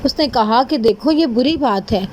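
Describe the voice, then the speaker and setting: Female narrator, high voice, gentle expressive kids' storytelling. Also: a little hiss or hum.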